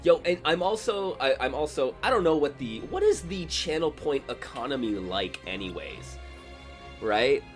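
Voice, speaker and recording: A man's voice: a little high, very animated, normal speed, faint music behind. A man live-streaming a video game, chatting casually with viewers in a rambling, self-correcting way. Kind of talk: casual live-stream chat while gaming.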